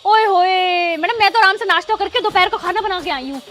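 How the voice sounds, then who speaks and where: A woman's voice: very high voice, fairly quick, fairly bright tone. A woman performing a comedy skit, talking in a sassy, bossy, teasing way. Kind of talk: Hindi comedy skit acting. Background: background music.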